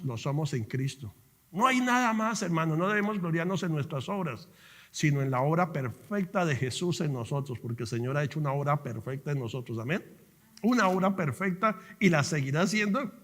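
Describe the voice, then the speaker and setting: Brief: male pastor, middle-aged, higher voice, lively and fervent preaching. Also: big-room sound. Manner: animated storyteller, fervent preaching. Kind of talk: sermon with personal testimony. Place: church.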